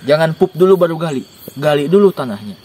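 A young man giving joking, animated camping tips outdoors in a dark forest at night, recorded by a camera a few steps away. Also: on the high side, a little fast, a little hiss or hum. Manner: joking, animated, gestures while talking. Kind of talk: casual outdoor interview. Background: faint insects and crickets.

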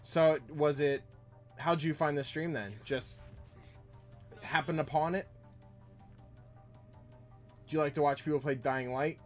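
A man's voice: a little high, fairly even intonation, unhurried, pauses often. Chatty male streamer playing and reading chat, faint music behind. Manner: rambling, chatting with viewers while playing. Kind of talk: casual gameplay chat.

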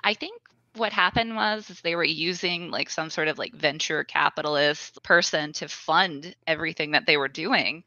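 Bright, creaky, low-pitched young-sounding casual woman. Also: moderate pace, hardly any pauses, no room sound. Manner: informal, peppered with like. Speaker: podcast guest. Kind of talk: casual chat. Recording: dull, lo-fi close recording.

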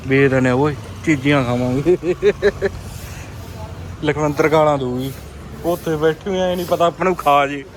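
A man's voice: a little high, steady tone, normal speed, pauses often. A young man chatting casually and playfully as a vlogger, full of slangy exclamations. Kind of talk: casual vlog chat. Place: outdoors on streets and at a scooter workshop. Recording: noisy outdoor vlog with traffic.

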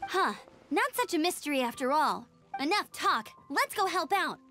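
A woman's voice: high voice, big pitch swings, normal speed, over music. A woman playing a perky, confident young female scout in a video game, earnest and take-charge. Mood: eager, determined. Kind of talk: video game character acting.

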